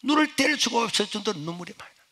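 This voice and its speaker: A man's sermon voice, fairly high for a man, carries a lilt. The middle-aged pastor tells his testimony in waves, rising to loud exclamations and then dropping almost to a whisper. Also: animated, rapid-fire. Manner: storytelling with sudden swings from loud exclamation to hushed near-whisper.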